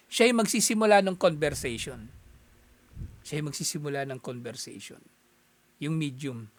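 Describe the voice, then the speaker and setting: A man from the Philippines giving a casual, animated talk, chuckling often and acting out little exchanges as he explains. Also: on the high side, moderate pace.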